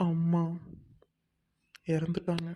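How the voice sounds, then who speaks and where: A woman playing a gentle, devoted unmarried man who still loves his old sweetheart, speaking softly and earnestly in amateur drama acting. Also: lowish voice, monotone, takes it slowly, slight background noise. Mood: tender. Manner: soft, consoling, earnest.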